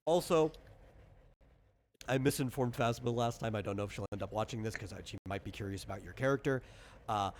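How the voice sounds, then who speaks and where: A game designer acting as game master runs character creation, casually explaining tabletop rules while rambling and cutting himself off. His fairly low voice is brisk but broken by long pauses, with clear background noise in the recording.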